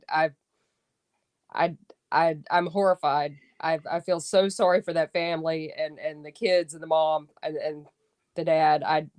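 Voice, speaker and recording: A woman co-hosting a radio talk show, speaking earnestly and haltingly, often repeating words. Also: on the low side, a little mellow. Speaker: co-host. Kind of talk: casual talk show discussion.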